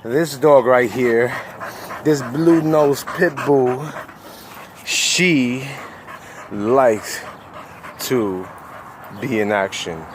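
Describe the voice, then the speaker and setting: A man's voice: medium pitch, very slow, long pauses, noisy background. A man vlogging casually to his viewers in a backyard, laid-back and slangy, a bit out of breath. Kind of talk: casual vlog talk to viewers. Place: backyard outdoors.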